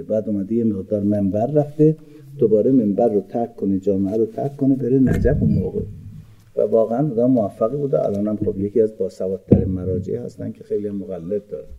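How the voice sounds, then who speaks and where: An older man preaching a sermon, moving from quiet explanation to loud, drawn-out chanted Arabic quotes. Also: fairly low pitch, breathy edge, highs cut off. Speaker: cleric preacher. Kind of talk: religious sermon with Arabic recitation.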